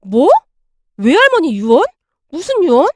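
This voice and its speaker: A woman's voice: high voice, huge pitch swings, measured pace, dry recording, full character voice. Woman playing young daughter, upset, startled questions, dry close sound. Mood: startled questioning.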